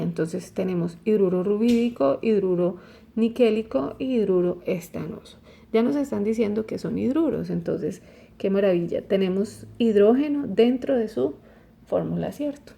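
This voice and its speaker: A woman's voice: mid-range voice, vocal fry, dark tone. A woman teaching a chemistry lesson, explaining step by step and often checking with "¿cierto?". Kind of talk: recorded online lesson.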